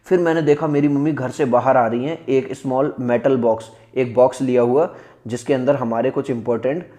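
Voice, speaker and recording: A male teacher reads English textbook lines slowly and explains each one in casual, conversational Hindi, calling his students beta and bhai. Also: mid-range voice, fairly even intonation, mellow.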